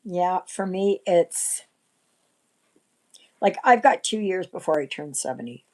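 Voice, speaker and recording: A woman in her sixties hosting a casual livestream chat, rambling and often clearing her throat. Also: on the low side, expressive, takes it slowly, a little mellow, poor audio. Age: 60s. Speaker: livestream host.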